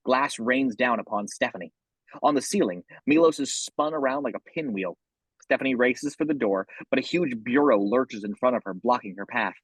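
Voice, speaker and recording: A man narrates a horror script in a husky voice, describing each action in the present tense. The recording is dry and close, with no room around him. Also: mid-range voice, animated, normal speed, dry recording, poor audio.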